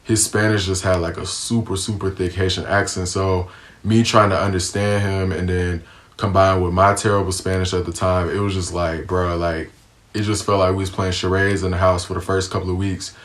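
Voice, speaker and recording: Speaking at a moderate pace, this young vlogger from the US shares a relaxed storytime. His pitch is low and his tone stays level, and he fills the telling with slang and frequent ums.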